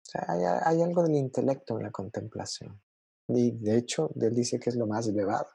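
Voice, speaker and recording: A young adult man preaching a sermon in a conversational, expressive way, often checking in with his listeners. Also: mid-range voice, moderate pace, creaky, breathy edge, no room sound.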